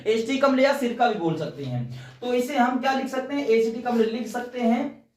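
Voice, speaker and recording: A man explains chemistry reactions step by step, going back over key points and urging the listener to note them down. His voice sits very high for a man. The sound is roomy and echoey, picked up from some distance away. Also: expressive, moderate pace. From northern India. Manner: repetitive, coaxing, stresses what is important. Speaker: chemistry teacher. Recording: echoey room, mic at a distance.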